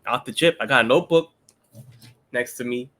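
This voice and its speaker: A man's voice: medium pitch, a little fast, fairly bright tone. A young man casually walking through a coding problem step by step, laid-back and patient as he studies for interviews. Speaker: interview candidate studying coding. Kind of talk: casual pair-programming chat.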